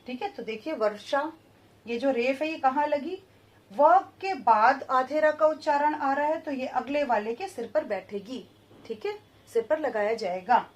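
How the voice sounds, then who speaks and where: A woman teaching a grammar lesson to children in a high, clear voice. She speaks slowly and deliberately, repeating each word and sounding out its syllables one at a time. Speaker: Hindi teacher.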